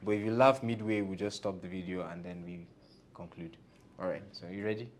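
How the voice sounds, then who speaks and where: A man hosting a casual interview as the interviewer, often chiming in with short affirmations. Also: brisk. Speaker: interviewer and host. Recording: rumbly background noise.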